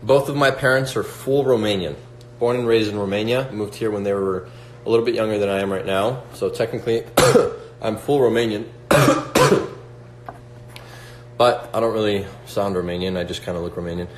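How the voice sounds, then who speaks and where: A man in his twenties with a lowish voice hosts a casual livestream at normal speed, talking to viewers in a motivational way. He reads out chat questions and leans heavily on fillers like "like" and "right?". The room is echoey with a faint hum.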